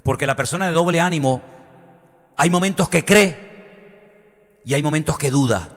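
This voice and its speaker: A male pastor preaching a sermon with passion, firing rhetorical questions and swinging between loud and soft. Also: fairly high pitch, in a large hall.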